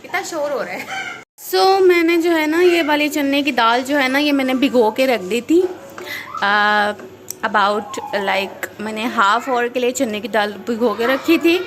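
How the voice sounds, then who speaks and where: A woman's voice: high voice, a little slow. Chatty young woman vlogging at home. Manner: chatty, laughs often, mixes English into Hindi. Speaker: vlogger and mother. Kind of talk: casual home vlog chat. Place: home kitchen. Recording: noisy home recording.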